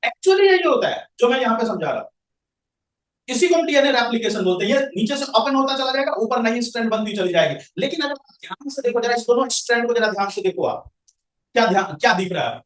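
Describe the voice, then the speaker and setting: A man's voice: extremely high pitch, big pitch swings, fast talker, a bit bright. A male science teacher lecturing a classroom, quizzing students and answering his own questions. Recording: echoey room, voice from far off the mic.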